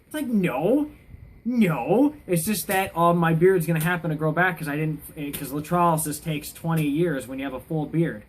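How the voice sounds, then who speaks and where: A woman's voice: deep voice, steady tone, a little fast, few pauses, slight background noise, poor audio. A woman ranting casually to camera in a vlog, rambling with many fillers and restarts, rising to indignant outbursts. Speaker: vlogger.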